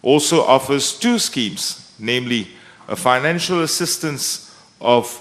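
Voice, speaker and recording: A man's voice: medium pitch, expressive, unhurried, a bit bright. A man with a Mauritian accent reading out a formal prepared parliament speech as a minister, itemising point by point. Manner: formal, enumerating. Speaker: government minister.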